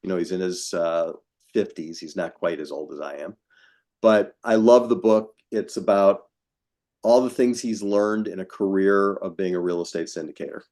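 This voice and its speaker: A man's voice: low voice, fairly even intonation, moderate pace, a little mellow. A man in his sixties, a guest on a video call interview, talking frankly and emphatically with self-mocking asides. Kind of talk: casual interview.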